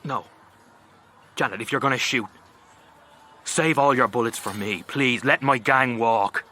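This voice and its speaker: Casting: wry, menacing gang leader, mid-pitched, piercingly bright, comedy audio drama. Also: male voice, a little slow. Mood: pleading. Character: wry male gangster boss with menacing edge.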